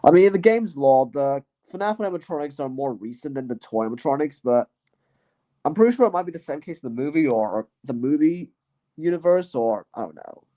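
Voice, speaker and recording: Speaking solo and casually, a channel host recaps his year in a fairly high, mellow voice that's animated and a little fast. His talk wanders and hesitates, dotted with "you know" and "I guess," and his thoughts drift off before he gets back on track.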